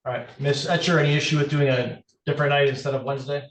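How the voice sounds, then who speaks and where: A middle-aged man presides as judge at a family court hearing held over a video call, speaking procedurally. His mid-range voice is fairly even and quick. The courtroom microphone sounds distant and roomy.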